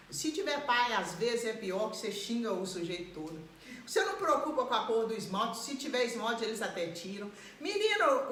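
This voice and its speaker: A woman preaching a live sermon in an animated way, acting out the voices of people she describes. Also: on the high side, a little hiss or hum. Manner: animated, acts out quoted voices and laughs. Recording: echoey room.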